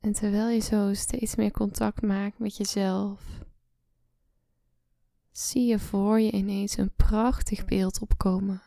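A woman guiding a relaxation meditation, speaking slowly and softly, often in a whisper, close to the mic. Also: mid-range voice, level tone, gravelly, no echo. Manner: slow soft-spoken, often whispering. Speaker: meditation guide.

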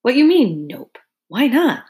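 A woman's voice: a little high, big pitch swings, dark tone, voice pushed up. Woman doing a pushy male track coach. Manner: pushy, persuasive, quick questions. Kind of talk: audiobook character voice.

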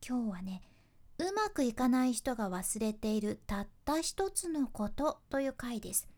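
A woman radio announcer with a Hakata dialect, hosting a chatty advice podcast and explaining with lively asides. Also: on the high side, normal speed. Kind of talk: casual spoken advice podcast.

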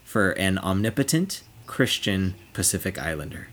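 Casual podcast host, male, slightly low voice, playful quiz-master tone. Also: lively intonation, moderate pace, a bit bright. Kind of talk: casual chat.

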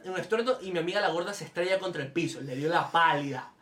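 A man's voice: fairly high pitch, quick pace, echoey room, recorded from a distance. A young man hosting a podcast, telling comic stories in casual chat and acting out the people in them. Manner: animated storytelling, slips into quoted voices. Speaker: podcast host.

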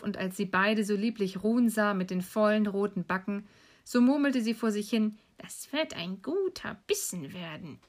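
A woman reads an old fairy tale aloud in a calm, even storytelling voice of medium pitch. Her narration flows steadily, and she sometimes lowers her voice for the dark parts.

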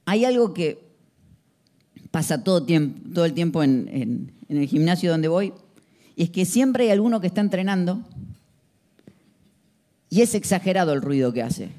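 A man's voice: sits high, lively intonation, moderate pace, long pauses, mellow. A man preaching a sermon, emphatic and full of rhetorical questions.

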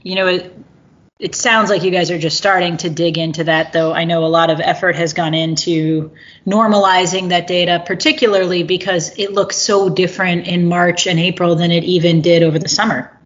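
A woman with a fairly low voice hosts a relaxed conversational interview. She is curious and thinks aloud as she asks questions. The recording sounds dull and lo-fi. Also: moderate pace. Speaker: podcast host.

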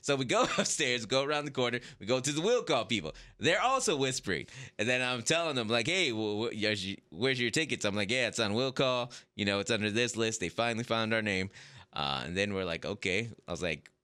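Lively, bright-voiced male podcast host. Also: mid-range voice, a little fast. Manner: animated, laughs often, acts out whispers. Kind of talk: casual storytelling chat.

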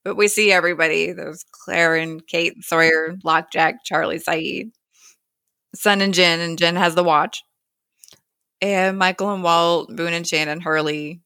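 A woman's voice: lowish voice, fairly even intonation, a little slow, bright, forceful tone, dry recording, clean studio sound. A woman casually recapping a TV episode, storytelling with giggles and hummed cues.

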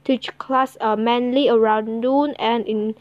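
A woman gives a prepared presentation about a school in a halting way, often stumbling over her words. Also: fairly high pitch, steady tone, no echo, muffled recording.

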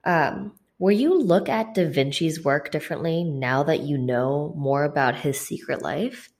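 A woman with a fairly low voice co-hosts a casual book podcast, talking in a chatty way and stringing her thoughts together with fillers. She records in a bare-walled apartment she is about to leave, so her voice comes back echoey off the blank walls. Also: measured pace, a little mellow. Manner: chatty, heavy use of filler words. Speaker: podcast co-host.

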